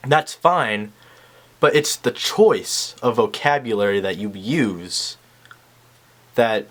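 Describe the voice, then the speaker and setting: A young man with a lowish voice giving rambling, sarcastic commentary on a clip. He talks loosely, full of ums and uhs. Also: takes it slowly, fairly bright tone. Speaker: YouTuber reacting to an infomercial. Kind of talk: casual reaction commentary.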